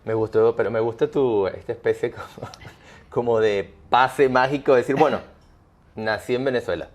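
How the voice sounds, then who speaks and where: A man hosting a conversational interview, measured and encouraging as he asks his questions. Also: medium pitch. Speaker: interview host.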